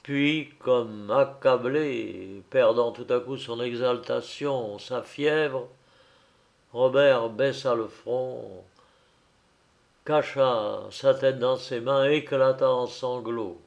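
A man reading a melodramatic story aloud in a measured, theatrical way. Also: medium pitch, gravelly.

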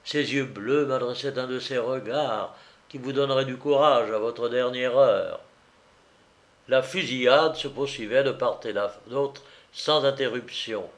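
A man narrating an adventure novel aloud in a dramatic storytelling manner. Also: mid-range voice. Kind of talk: dramatic audiobook reading.

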